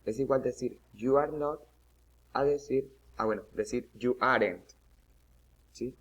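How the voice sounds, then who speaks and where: A man's voice: mid-range voice, takes it slowly, breathy edge. A man teaching an English grammar lesson, explaining step by step and often checking "¿listo?".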